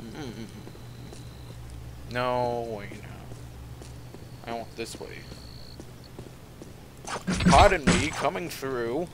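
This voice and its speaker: Slow, joking man playing a game. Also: medium pitch, lively intonation, background noise. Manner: profane, joking, chuckling to himself. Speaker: let's play commentator. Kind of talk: casual gameplay commentary.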